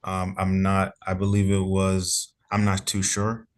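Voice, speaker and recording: A man's voice: deep voice, completely flat delivery, unhurried. A police officer testifying in court over a remote call, polite and hedging in his answers.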